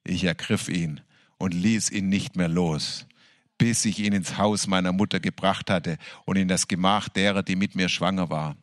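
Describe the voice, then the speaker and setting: A man in a worship service reading scripture with fervour, slowly drawing out his words and breaking into hallelujahs and laughter. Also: sits low, steady tone, no echo, clean studio sound. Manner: fervent, exclaiming hallelujahs, laughing between verses; slow, drawn-out delivery. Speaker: worship leader.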